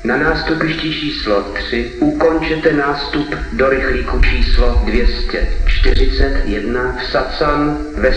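A man reading a formal station announcement in a measured, segmented way as a railway announcer. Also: medium pitch. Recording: echoey hall, long reverb.

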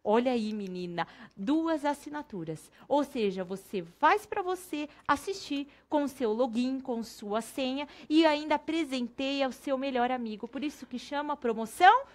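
A Brazilian woman hosts a craft class in a bright, fairly high voice. Her pitch leaps around as she jokes with her helper. She then slides into a hyped sales pitch. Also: lively intonation, moderate pace, hardly any pauses. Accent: Brazilian Portuguese. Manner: playful, chatty, hyped promo delivery. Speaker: craft teacher and host.

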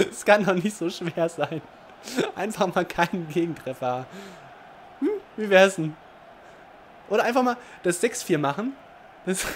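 Man, high voice, excitable let's play commentary, muttering then yelling, faint hiss behind. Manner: excitable, swings from muttering to shouting. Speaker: gaming commentator.

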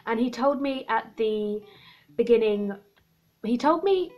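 A woman in her late teens chatting excitedly to camera, speaking with braces on, rambling a little. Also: fairly high pitch, measured pace, dull audio. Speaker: vlogger. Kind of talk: casual chat to camera.

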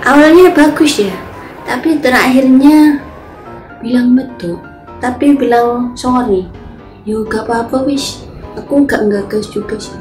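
A young woman with a Javanese accent, talking slowly in a somewhat high, cutesy voice. She reads out comments and answers them in a chatty, slightly defensive way. The voice sounds echoey, with faint music playing behind it. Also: a little mellow. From Central Java, Indonesia. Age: 20s. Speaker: vlogger. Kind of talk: casual chat reading comments.

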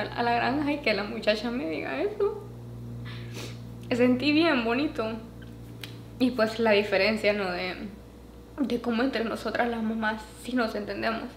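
A woman vlogger and mother telling a story casually to her viewers, animated, with a higher pitch whenever she acts out what others said. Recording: echoey room with faint background noise.

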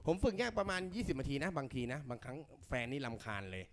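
A man teaching a casual bass lesson, talking loosely and counting beats aloud between the bits he plays. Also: sing-song, fast talker. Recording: loud bass playing behind. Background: bass guitar.

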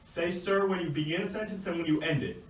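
A man's voice: high voice, fast, natural voice. Young man as a barking drill sergeant, echoey room. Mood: stern, barking. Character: stern, bossy boot camp drill sergeant, mocking recruits. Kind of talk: amateur comedy skit acting. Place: school classrooms, restroom and stairwell. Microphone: far camera. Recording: echoey room, distant camera mic, faint noise.

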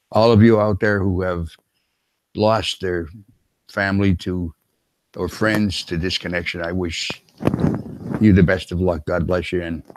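Older man with a very low voice. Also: a little hiss or hum. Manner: warm-hearted, emotional, halting restarts. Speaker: podcast host. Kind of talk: casual interview chat.

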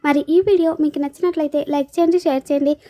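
A woman's voice: high voice, steady tone, fast, mellow. A woman narrating a television serial recap in a scripted storytelling style.

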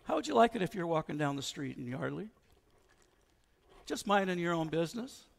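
Male pastor, sermon, conversational, high and gravelly, long church echo. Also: big pitch swings, brisk. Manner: conversational, asks the congregation questions. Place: church sanctuary.

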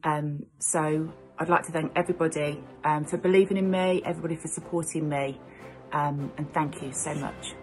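Low-voiced woman, hesitant, full of ums. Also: fairly even intonation, normal speed, a little mellow, soft background music, poor audio. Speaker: award winner. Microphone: video call.

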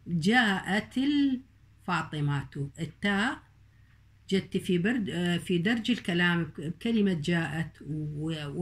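Woman teacher, slow and deliberate. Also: fairly low pitch. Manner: slow, deliberate, repeats example words. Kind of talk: recorded online grammar lesson.

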